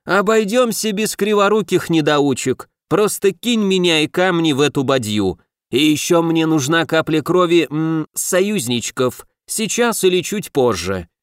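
A pompous, sarcastic male sword spirit with a fallen god inside, as a man puts him on for an audiobook. He speaks in a theatrical, haughty grumble that rises higher than a plain voice and swings widely. The recording is close and dry. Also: lively intonation, measured pace, hardly any pauses, clean tone, dry recording. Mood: grudging. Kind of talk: audiobook character voice.

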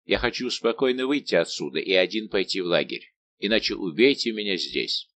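Male reader as dignified count; calm, measured lines. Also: low-pitched. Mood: resolute. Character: calm proud noble count.

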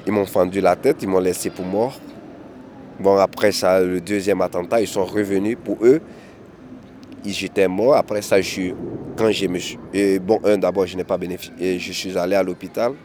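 A man's voice: low-pitched, flat delivery, moderate pace, a little mellow, slight background noise. A man speaks as an interviewee. He talks with many hesitations, repeated words and restarts. He is recorded outdoors in a city. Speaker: interviewee, migrant activist. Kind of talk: candid interview testimony.

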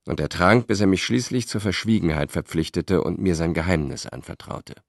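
A man voicing a sly, well-connected Roman gentleman in an audiobook, chatty and confiding. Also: deep voice, fairly quick, vocal fry, no echo, studio quality.

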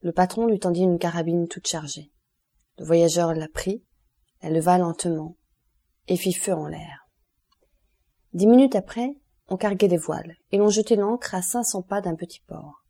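Low-voiced woman reading a novel. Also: normal speed, pauses often, dark tone. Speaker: audiobook narrator. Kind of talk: scripted literary narration.

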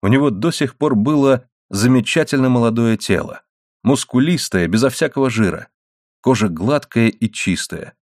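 A man narrates a novel in a steady, unhurried storytelling voice of middling pitch. The recording is dry and close, with no room sound. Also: no echo. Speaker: audiobook narrator.

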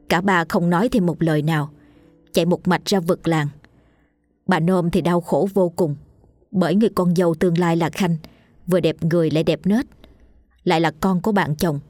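A woman narrating a ghost story audiobook in a steady, solemn manner. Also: fairly low pitch, normal speed, long pauses, dry recording. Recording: faint music behind. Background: faint background music.

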